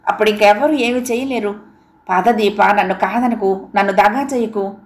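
A woman's voice: mid-range voice, moderate pace, natural voice. A woman voicing a jilted young man in an audiobook, scornful and bitter, recorded in a roomy echo. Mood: pleading. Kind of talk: audiobook character reading.

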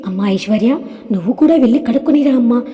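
A woman playing a gentle middle-aged aunt. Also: a little high, animated, fast talker, lightly acted. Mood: kind. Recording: long hall reverb.

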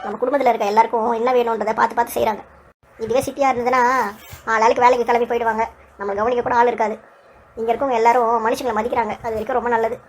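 A woman voicing an elderly village man in a cartoon, chatty and quick to scold. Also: a little high, level tone, a little mellow, faint music behind, lightly acted. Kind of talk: cartoon voice acting.

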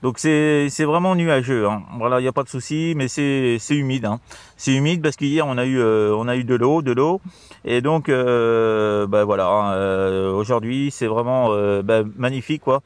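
Crouched outdoors in grassy scrubland, a man chats casually as a CB radio operator making contact, hesitant and repetitive with constant tag words. His mid-range voice is clean, at normal speed, with no room sound.

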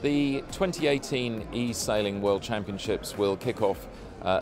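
A man with a fairly low voice answers interview questions in a brisk, matter-of-fact way. Clear music plays behind him.

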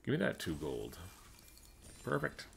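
A man's voice: a bass voice, wildly swooping pitch, a little slow, vocal fry, a bit bright, slight background noise. A man giving casual commentary while he plays a game, thinking aloud and muttering to himself. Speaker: gaming streamer.

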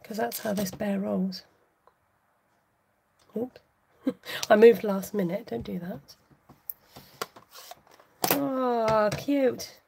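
Slow, mellow woman crafting. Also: mid-range voice, creaky, a little hiss or hum. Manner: chatty, talks to viewers while working. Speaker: craft tutorial host. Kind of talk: casual live craft demonstration.

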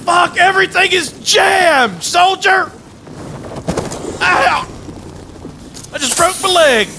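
A man puts on a bossy drill sergeant for game role-play, pitched extremely high and strained. He barks orders and swears freely over loud battle noise. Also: expressive, slow, full character voice. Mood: frantic, barking.

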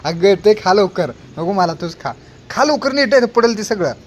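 A man's voice: high-pitched, lively intonation, normal speed, slight background noise. A man, a vlogger and father, teasing and mock-scolding in a casual family vlog.

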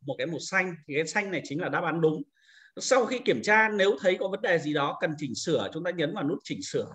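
A man giving a patient, step-by-step screen-recorded software tutorial to teachers, explaining each click as he goes. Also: on the high side. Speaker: teacher trainer.

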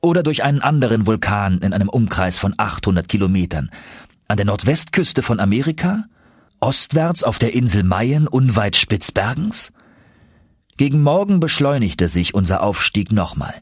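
A man narrating an audiobook in a lively, expressive storytelling manner. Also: lowish voice, normal speed, breathy edge, dry recording, clean studio sound. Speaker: audiobook reader. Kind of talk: scripted narration.

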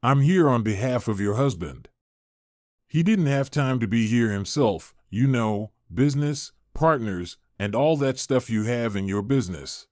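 A man reading the part of a shy young man who speaks softly and apologetically. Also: medium pitch, animated, unhurried, no echo, clean studio sound, natural voice. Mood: apologetic. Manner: soft and apologetic.

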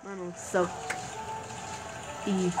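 A female gamer commentates casually over game music, talking at a slow pace. The delivery is excitable, slipping between exclamations and muttering, and R sounds come out imperfectly. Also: medium pitch, poor audio. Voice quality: difficulty saying R sounds. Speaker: gaming video maker.

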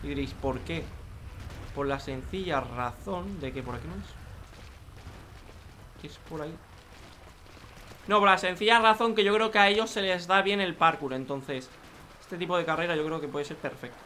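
A man's voice: a little high, moderate pace, pauses often, bright, forceful tone. Joking young man over game noise. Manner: joking, crude, talks to himself and viewers. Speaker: gaming youtuber. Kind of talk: casual gameplay commentary.

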